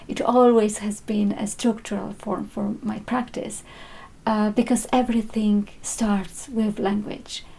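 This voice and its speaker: Her voice is mid-range, gravelly and mellow, with a flat delivery. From Poland and a native Polish speaker, this visual artist talks reflectively about her art practice, measured and often hesitating.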